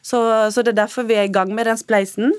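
A woman from Turkey, a mother of school-age children, speaking as a guest in a radio interview, halting and emotional with many fillers. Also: mid-range voice, steady tone, no room sound.

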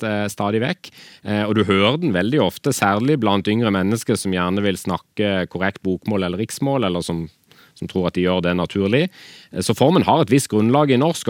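Deep-voiced male language expert. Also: no echo, studio quality. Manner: careful, explanatory, with many hesitations. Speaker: language researcher. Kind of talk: expert explanation on radio.

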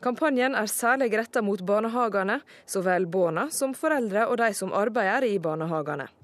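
A woman reporter narrates a radio news piece in an even, crisp manner. Her pitch is middling, and the voice is close and dry on the mic. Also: no room sound. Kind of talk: scripted news report voice-over. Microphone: studio mic.

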